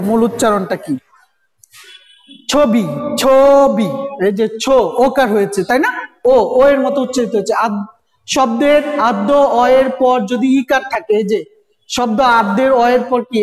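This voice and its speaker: This is a teacher's recorded grammar lesson, full of rhetorical questions to students and sounds said over and over. Pitch sits in the middle and the speed is normal, all captured in a reverberant, echoey room.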